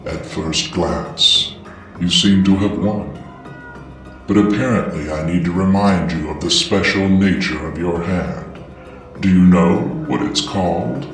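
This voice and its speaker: A solemn, dignified Grim Reaper speaks in a hushed voice that sits very low and drags along slowly, as a man narrating the story puts him on. The sound is far off and heavily echoing, as if carried through a vast chamber. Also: soft background music. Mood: measured. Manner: slow, hushed and measured.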